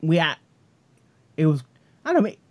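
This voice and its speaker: A man's voice: on the high side, very animated, normal speed. A man in casual commentary chat, inquisitive and asking many questions. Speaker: co-host reviewing a cartoon episode.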